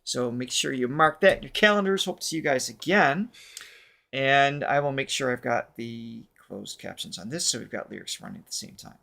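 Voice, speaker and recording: A man co-hosting a live music reaction podcast, chatting casually, upbeat and quick to laugh. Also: mid-range voice, creaky. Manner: upbeat and animated, laughs often. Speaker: podcast co-host running a live reaction stream.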